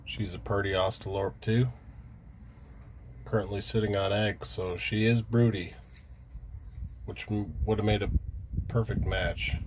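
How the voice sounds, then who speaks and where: A man in his thirties vlogging outdoors in a rural backyard, talking in a subdued, halting way with frequent pauses, into a phone held at arm's length. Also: on the low side, fairly even intonation, slight background noise. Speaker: homestead vlogger. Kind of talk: casual vlog talk. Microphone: phone camera held at arm's length.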